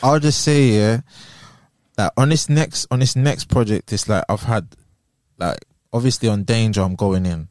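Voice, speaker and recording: A man's voice: lowish voice, normal speed, a little mellow, no room sound, studio quality. A man with a London roadman accent chats casually as an interview guest, using heavy street slang and often checking that he is understood. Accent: London, urban street style.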